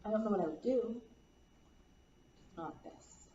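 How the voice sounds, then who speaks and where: A woman playing a counseling client, talking in a halting, weary, despondent way and repeating herself. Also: mid-range voice, dark tone. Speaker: role-play client in a counseling practice session. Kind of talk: acted counseling role-play. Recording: echoey room, distant dull mic, faint hiss.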